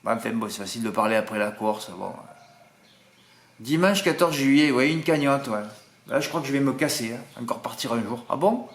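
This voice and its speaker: A man's voice: mid-range voice, expressive, fairly quick, vocal fry. A man with a Marseille accent, talking casually as a horse racing tipster, chatty and self-mocking, tagging his sentences with little asides. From southern France. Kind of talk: casual monologue. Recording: echoey room.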